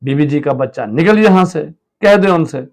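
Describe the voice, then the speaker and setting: A man's voice: medium pitch, normal speed, lightly acted. A man reading a play aloud and voicing a sick, irritable husband who groans and snaps at everyone.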